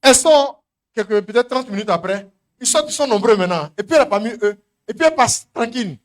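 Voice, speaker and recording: A middle-aged man from Côte d'Ivoire with an Ivorian French accent, preaching a sermon as a pastor and telling a story, acting out voices and swinging between loud calls and murmured asides. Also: very high voice, animated, quick pace.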